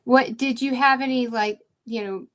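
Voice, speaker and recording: A woman with a fairly high voice hosts an interview podcast. She asks her questions haltingly, with fillers, as she feels for the right words. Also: steady tone, a bit bright. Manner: hesitant, searching for words. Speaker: podcast host.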